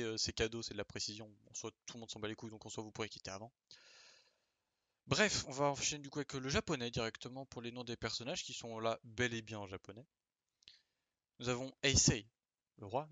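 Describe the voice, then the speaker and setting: A man's voice: mid-range voice, bright, forceful tone, dry recording. A man explaining pronunciation in a casual, chatty way, with slang asides and frequent hesitations. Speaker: video creator explaining name pronunciation.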